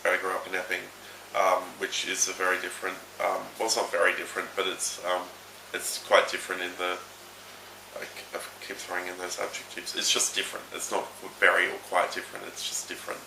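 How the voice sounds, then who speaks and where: Australian man, deep monotone, sharp bright tone, halting and self-correcting; roomy recording with faint noise. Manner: hesitant, keeps correcting his own words. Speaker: interviewee. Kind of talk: reflective interview talk.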